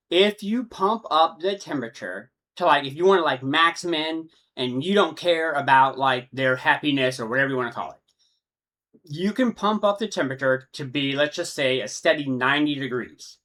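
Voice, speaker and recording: A man's voice: on the high side, animated, normal speed, bright, forceful tone. A man with a Texan accent explaining insect care in a casual, rambling way, often correcting himself mid-sentence. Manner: rambling, self-correcting, conversational. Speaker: insect breeder. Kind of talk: casual instructional talk. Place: his room with his insects.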